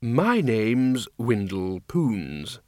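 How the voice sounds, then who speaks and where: A man voicing a polite old zombie wizard who speaks haltingly and apologetically. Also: medium pitch, big pitch swings, mellow, no room sound. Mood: awkward.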